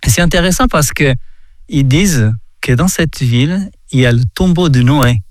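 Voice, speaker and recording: A man from Portugal giving a reflective faith talk, halting often and repeating words as he searches for them. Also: on the high side, dry recording. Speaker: speaker sharing a reflection.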